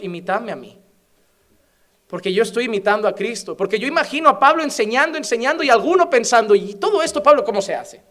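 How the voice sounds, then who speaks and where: A middle-aged man from Spain with a Spanish accent preaches a sermon in a high, slightly bright voice. He speaks with passion, asks many rhetorical questions and builds up to fervent exhortation.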